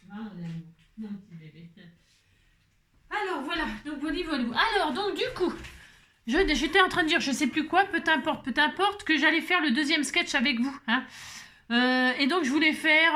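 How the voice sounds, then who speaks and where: Making a card at home, a French papercraft vlogger who is a little tired gives a loose, chatty craft tutorial. She has a high, pushed and bright voice, and her talk wanders with fillers, restarts and little laughs.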